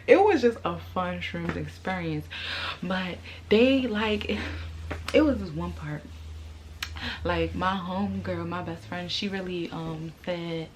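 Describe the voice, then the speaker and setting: A woman's voice: on the low side, takes it slowly, a little hiss or hum. A young American woman telling a personal story casually, in an informal, candid and emphatic way, repeating and drawing out words. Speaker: vlogger.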